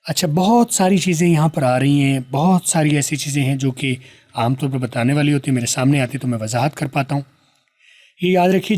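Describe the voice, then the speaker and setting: A male English coach with a Pakistani accent. He says each example sentence slowly, stretching it out, and then explains it at a brisk classroom pace. His voice sits a little high for a man. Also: a little mellow, no room sound, clean studio sound. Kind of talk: explanatory teaching lesson.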